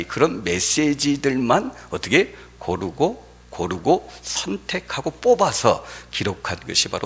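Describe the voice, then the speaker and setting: Husky-voiced pastor preaching a sermon. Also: male voice, fairly high pitch, a bit bright. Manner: storytelling with emphatic rises, filler "어".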